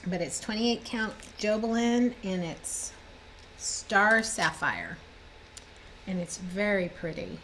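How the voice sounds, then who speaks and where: A fairly bright, mid-range voice belongs to a cross-stitch vlogger and designer in her fifties who talks slowly yet animatedly, rambling cheerfully over her projects. Slightly stuffed up, she's indoors at home in a room with bookshelves for this casual show-and-tell. Low-quality audio with slight background noise.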